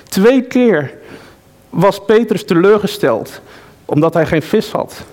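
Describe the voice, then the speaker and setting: Slow, high-voiced preacher. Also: male voice, expressive, a little mellow. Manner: slow, earnest preaching with rhetorical questions. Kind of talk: sermon.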